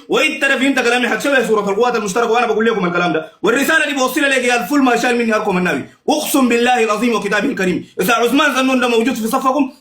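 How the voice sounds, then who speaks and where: Furious rapid-fire Sudanese man ranting. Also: extremely high pitch, pushed and bright, echoey room. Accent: Sudanese Arabic. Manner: heated, repetitive, insulting. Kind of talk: angry livestream rant.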